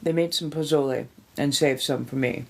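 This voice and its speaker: A woman's voice: a bass voice, moderate pace, vocal fry, darkish tone. A woman hosting a casual livestream, greeting viewers effusively with theatrical pet names and chatting as she snacks. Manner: eating and sipping while talking. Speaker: livestream host.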